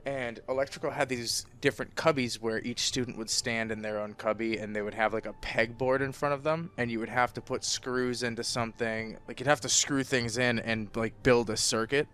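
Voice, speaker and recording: A man's voice: medium pitch, steady tone, fairly quick, hardly any pauses, a bit bright, a little hiss or hum. A young man co-hosting a casual podcast, telling rambling, profane stories. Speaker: podcast co-host. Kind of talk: casual chat.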